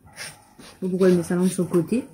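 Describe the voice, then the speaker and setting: A woman with a fairly low, mellow voice and flat delivery talks fast in a casual home vlog, amid slight background noise. She unboxes her shopping, lists it aloud, and coos sing-song at her pets, chatting as a family vlogger.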